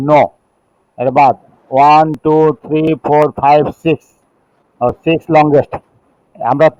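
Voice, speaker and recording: A middle-aged man from Bangladesh with a Bangladeshi accent gives a classroom chemistry lecture. He reads rules slowly in English, then explains them in Bengali and counts chain carbons aloud. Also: a little high, a little mellow, clear, resonant tone, no room sound. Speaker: chemistry teacher. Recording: dull, dry lo-fi recording.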